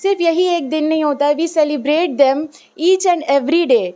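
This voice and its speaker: A woman's voice: high-pitched, measured pace, mellow. A woman teacher answering interview questions earnestly, switching between Hindi and English with frequent "uh" fillers. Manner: earnest, heartfelt. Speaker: school teacher.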